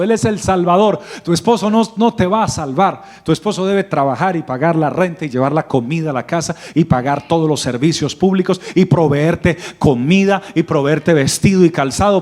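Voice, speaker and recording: High-voiced fervent preaching pastor. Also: male voice. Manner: preaching with call-and-response to the congregation; builds to loud, fervent exhortation. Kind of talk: sermon.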